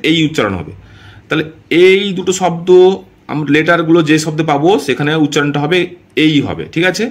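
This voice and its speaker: A man giving a patient spoken phonics lesson, explaining step by step and often checking that his students follow. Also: fairly high pitch. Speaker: English teacher.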